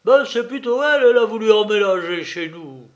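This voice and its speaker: A man voicing a cheeky, eager male soldier orderly in an audiobook, talking loudly and chattily. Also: high voice, lively intonation, brisk, lo-fi sound, voice pushed up. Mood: chatty. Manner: loud, chatty, eagerly obedient. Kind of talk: audiobook character reading.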